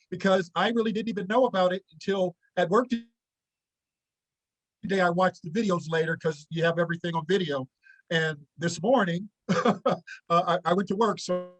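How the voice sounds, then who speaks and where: Guy with a highish voice on a choppy video call, keeps stumbling and restarting, dry sound. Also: fairly bright tone, no room sound, poor audio. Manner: halting, with many stammered restarts. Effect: on a video call with a choppy, breaking-up connection. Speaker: guest member of the group. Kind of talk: casual chat on a group call.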